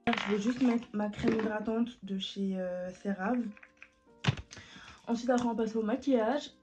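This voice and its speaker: A woman's voice: medium pitch, steady tone, a little slow. A woman, chatting casually as she vlogs. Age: late teens. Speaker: vlogger. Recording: muffled lo-fi sound, music behind.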